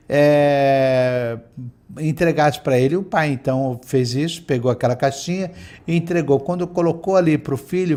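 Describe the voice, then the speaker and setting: A middle-aged man giving a spiritual lecture, telling stories in a gentle, reflective way with many pauses. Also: fairly high pitch. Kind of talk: lecture with storytelling.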